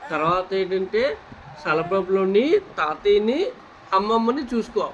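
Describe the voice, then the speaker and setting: Woman gently quizzing a toddler at home, dull lo-fi sound. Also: mid-range voice, a little slow, slight background noise. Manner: coaxing, repeats questions to a toddler. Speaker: family member coaxing a small child. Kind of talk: casual family chat.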